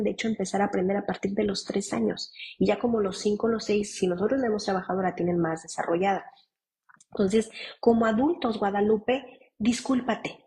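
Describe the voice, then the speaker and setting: A woman in her thirties, a psychologist and mother, answering parents' questions in a conversational way, often restarting her sentences. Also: mid-range voice. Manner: conversational, warm advice with frequent restarts. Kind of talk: live Q&A with parents.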